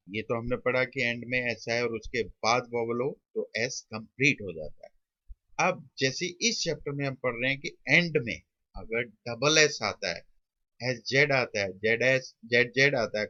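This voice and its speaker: A man, teaching a shorthand lesson. He drags out sounds slowly and mixes English terms into his teaching. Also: medium pitch, pushed and bright, dry recording, highs cut off. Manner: slow, stretched-out sounding of words, mixing English terms. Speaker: shorthand tutor. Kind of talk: classroom lesson.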